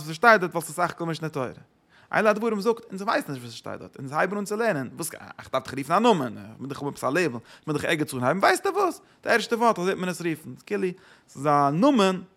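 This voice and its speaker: A man gives a scripture lesson in a fairly high voice. He keeps putting questions to himself and answering them, with sudden emphatic bursts of loudness. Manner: asks and answers his own questions. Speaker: Torah teacher. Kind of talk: religious text lesson.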